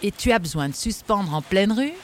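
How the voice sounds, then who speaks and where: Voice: medium pitch, expressive, normal speed, a bit bright, slight background noise, voice pushed up, lightly acted. A reader doing an exasperated cop. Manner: exasperated, blunt. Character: gruff male police lieutenant, irritated. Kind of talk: audiobook reading.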